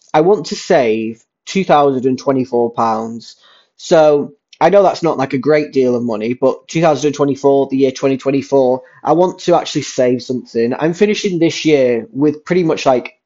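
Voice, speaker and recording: A young British man with a cold, hoarse with a rough smoker's rasp, giving a chatty, rambling solo update and repeating words for emphasis. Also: medium pitch, warm tone. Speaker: podcast host and YouTuber. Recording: dull lo-fi sound.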